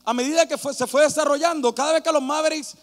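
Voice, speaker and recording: A man preaching a sermon as pastor, telling a story animatedly and acting out shouting crowds. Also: extremely high pitch, fairly even intonation, fast talker. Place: church hall. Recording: reverberant hall with mains hum.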